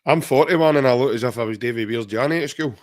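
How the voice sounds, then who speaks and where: Scottish podcast co-host, forties, mid-pitched, jokey banter with viewers. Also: male voice, quick pace, darkish tone. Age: 40s. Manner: chatty, jokey, reads out viewer comments. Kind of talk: casual chat.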